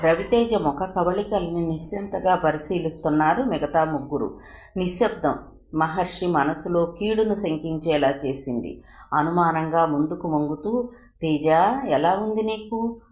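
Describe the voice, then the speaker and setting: A woman narrating a novel aloud with steady, expressive storytelling. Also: sits low, normal speed. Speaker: audiobook narrator. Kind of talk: novel reading. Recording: echoey room with faint noise.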